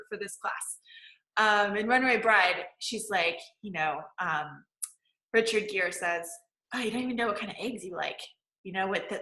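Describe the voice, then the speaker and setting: A woman in her forties teaching a live class as a manifesting coach, chatty, laughing often and acting out quotes with big jumps in pitch. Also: sharp tone, reverberant, low-quality recording. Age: 40s. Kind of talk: live-streamed class talk.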